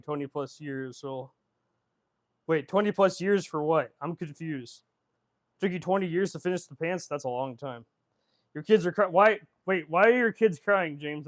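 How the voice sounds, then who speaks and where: A fairly high-pitched man in his twenties chats casually on a livestream, with no echo on the sound. He reads viewer comments out loud and rambles back answers, laughing, stumbling and repeating words.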